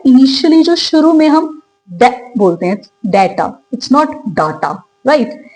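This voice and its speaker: A woman teaching English pronunciation, asking questions and drawing out the example words slowly. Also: high voice, a little mellow, low-quality recording. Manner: slow, drawn-out English model words; asks learners questions and answers them. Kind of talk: spoken lesson in Hindi with English examples.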